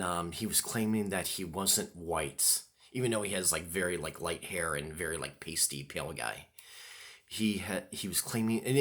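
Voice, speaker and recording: A man vlogs to the camera in a loose, rambling monologue, hesitant and full of ums and restarts. His voice sits low with a fairly bright tone.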